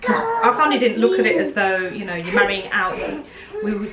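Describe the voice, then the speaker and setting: A woman's voice: medium pitch, lively intonation, fast talker, muffled recording. A middle-aged woman chatting casually as a guest, conversational and hesitant, often chuckling. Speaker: guest, host's mother. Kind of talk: casual chat. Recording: echoey room with clear background noise.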